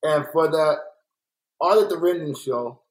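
A slightly high, unhurried male voice, heard through poor audio, comes from a young adult muralist raised in South Central Los Angeles after being born in Kansas City. Earnest and reflective, he repeats key ideas throughout a candid conversational interview.

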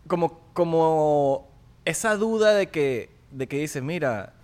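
A man's voice: fairly high pitch, expressive, slow pace, a little mellow, clean tone. A man co-hosting a podcast, joking and teasing with crude humor. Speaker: podcast co-host. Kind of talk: casual chat.

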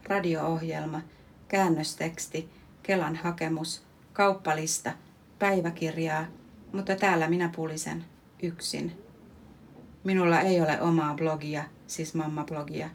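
Woman, 30s, podcast host; low, even delivery for a measured, reflective poetry reading. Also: slight background noise. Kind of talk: reading her own prose poem.

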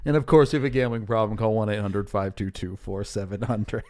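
A man's voice: lowish voice, quick pace, a crowd in the background. A man co-hosting a sports talk show, reading out a sponsor's legal disclaimer like an announcer.

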